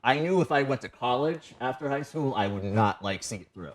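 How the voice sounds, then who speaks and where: On a TV studio set, a wrestler in his thirties from New Hampshire talks a little fast in an animated, medium-pitched voice during a casual interview. His answers ramble, packed with "you know" and "like" fillers.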